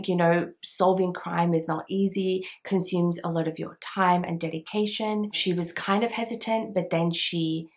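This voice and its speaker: Chatty young woman, low-pitched. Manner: chatty and enthusiastic, many "like" fillers. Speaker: book vlogger. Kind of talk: casual book recommendation vlog.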